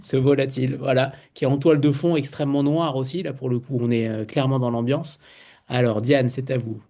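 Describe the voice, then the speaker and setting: Male host of a book chat, mellow warm tone, measured questioning. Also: mid-range voice, steady tone. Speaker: interviewer host. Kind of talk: literary interview questions.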